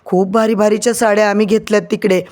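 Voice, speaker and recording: Man voicing a boastful aunt, chattering, high voice. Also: flat delivery, fast talker, a little mellow, natural voice. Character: boastful aunt showing off saris.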